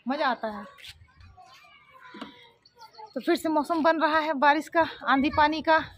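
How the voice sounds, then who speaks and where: A high-pitched woman hosts a casual home vlog, turning from viewers to her kids in an easy, chatty way. Her voice sits well above the usual range. Steady rain hisses loudly behind her on a handheld phone recording. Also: takes it slowly. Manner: chatty, addresses viewers and children by turns. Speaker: vlog host and mother. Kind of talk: casual family vlog narration. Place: family home during heavy rain. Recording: heavy rain noise behind voice.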